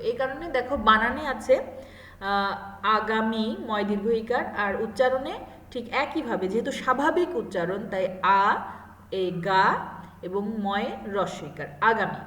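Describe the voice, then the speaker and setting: A woman's voice: fairly high pitch, a bit bright. Woman teacher in an echoey room. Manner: explains step by step, asks the students questions. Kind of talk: classroom grammar lesson. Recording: echoey room with long reverb.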